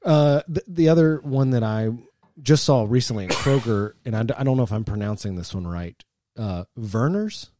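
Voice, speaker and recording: A man's voice: mid-range voice, fairly quick, dark tone, slight background noise. A man co-hosting a casual podcast chat, reading aloud at length in a jokey way. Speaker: podcast co-host.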